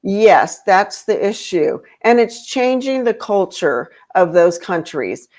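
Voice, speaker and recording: A woman's voice: mid-range voice, expressive, slow pace, a little mellow. A woman talking casually as a podcast guest, rambling with lots of fillers and restarts. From grew up in Europe. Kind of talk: casual conversation.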